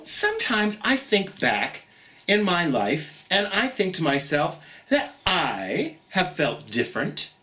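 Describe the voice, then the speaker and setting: Speaking in a mid-pitched voice that swoops up and down dramatically, a storytime host gives an animated read-aloud for children. She goes slowly and encouragingly, posing questions as if addressing young listeners directly. The roomy space lends a noticeable echo.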